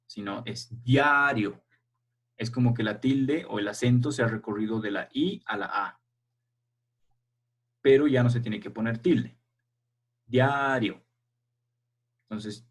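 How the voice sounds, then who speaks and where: A man with a mid-pitched, slightly husky voice teaches primary school children over a video call. He explains patiently one step at a time and stops often to ask whether everyone understands. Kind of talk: online class teaching.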